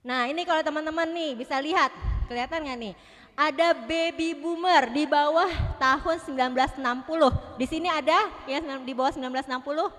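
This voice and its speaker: Middle-aged woman giving a playful youth church talk, high voice, long hall echo. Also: brisk, fairly bright tone. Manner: chatty, playful, laughs often, talks to the audience. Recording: reverberant hall.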